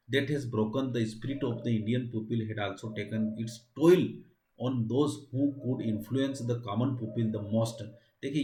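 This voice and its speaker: A man teaches an exam-prep poetry class, reading each English line slowly before explaining it word by word in Hindi. His voice sits at an ordinary male pitch, and the room around him sounds echoey.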